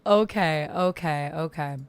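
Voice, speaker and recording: A woman with a deep, smooth, unhurried voice hosts a live tabletop roleplay stream, chatting casually and reading typed posts aloud. She's chatty and mutters to herself as she types, with the clatter of a computer keyboard in the background.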